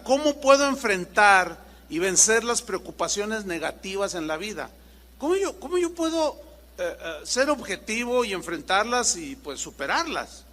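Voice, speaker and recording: A pastor preaching a sermon, asking rhetorical questions and acting out little dialogues. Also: male voice, high voice, bright, forceful tone. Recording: reverberant church hall.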